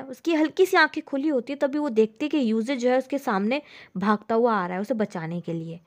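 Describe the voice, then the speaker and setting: A woman narrating a drama plot as a storyteller, retelling scene after scene in a steady flow. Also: high-pitched. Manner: steady retelling, leans on the filler "जो है".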